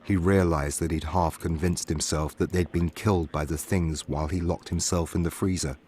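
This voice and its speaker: A man who streams spooky stories, reading a horror story aloud in a steady, measured way. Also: deep voice. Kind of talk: scripted horror story narration. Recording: music playing behind the voice.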